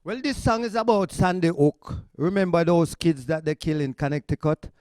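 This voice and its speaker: A man's voice: a little high, moderate pace, darkish tone, dry recording, studio quality. A man with a Jamaican accent performing a reggae deejay song, chanting rhythmic patois verses between sung refrains.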